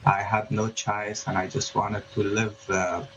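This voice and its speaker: A man's voice: lowish voice, flat delivery, a little slow, fairly bright tone. A man, a journalist speaking as a guest in a remote news interview, hesitant, with many fillers and restarts. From Afghanistan. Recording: muffled remote line with background noise.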